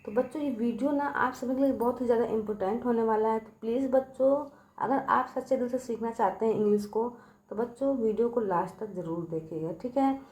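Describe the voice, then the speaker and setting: Female tutor, slightly high voice, patient call-and-response teaching style, echoey room. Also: a little fast, a little mellow. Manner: addresses kids repeatedly, checks with "ठीक है" and quiz questions. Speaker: English teacher. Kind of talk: Hindi classroom-style video lesson.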